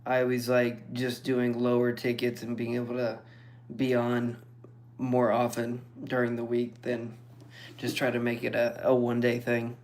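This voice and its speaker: Slow, easygoing man streamer chatting. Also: mid-range voice. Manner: relaxed, rambling, slow and even. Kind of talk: casual chat.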